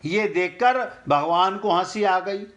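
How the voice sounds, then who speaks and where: A middle-aged man teaching scripture in an earnest, direct way, speaking to his listeners and sometimes chanting verses slowly. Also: high voice, fairly bright tone. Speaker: spiritual teacher. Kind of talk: explaining scripture.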